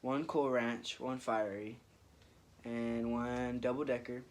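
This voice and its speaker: A man's voice: mid-range voice, steady tone, slow. A young man, a new father, with a congested, froggy throat, chatting easily and rambling through a story in a vlog. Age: young adult. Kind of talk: casual chat over a mukbang.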